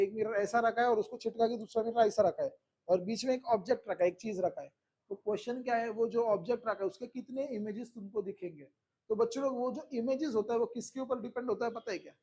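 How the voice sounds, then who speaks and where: A man's voice: high voice, a little mellow. A man teaching a physics class who keeps repeating questions to his students and coaxing them along.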